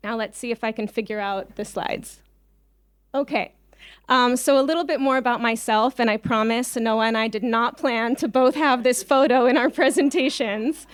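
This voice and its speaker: In a casual conference presentation, this Israeli farmer cooperative leader, an invited speaker who lived on a kibbutz in early childhood, uses frequent ums and personal asides. Her voice is fairly high, clear and resonant, at normal speed, with no room sound.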